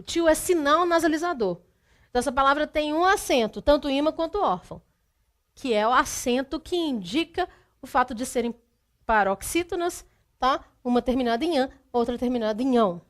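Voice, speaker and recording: A woman teacher giving an exam-prep grammar lesson. She goes through the rules step by step, repeats them and often checks in with the listener. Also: high-pitched. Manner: speaks straight to the student.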